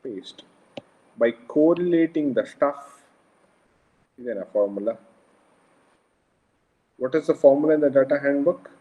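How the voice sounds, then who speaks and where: A man's voice: mid-range voice, a little slow, long pauses. A man with a South Indian Kannada accent giving a live online lecture step by step, informally, often putting questions to his students. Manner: informal, frequent questions to students, repeats phrases. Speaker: engineering lecturer. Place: online class over a video call, screen shared. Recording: dull lo-fi online call audio.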